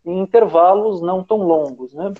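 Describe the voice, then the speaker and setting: A man interviewing a poet, reading out prepared questions in a measured, careful way. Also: high-pitched, muffled recording, a little hiss or hum.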